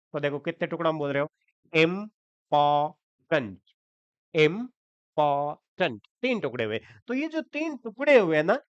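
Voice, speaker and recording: Guy teaching grammar, smooth clear voice, spells stuff out letter by letter, keeps asking "got it?", dry kinda muffled audio. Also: fairly high pitch, no echo. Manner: explains step by step, spells words letter by letter, asks checking questions. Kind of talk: Hindi-language grammar lesson.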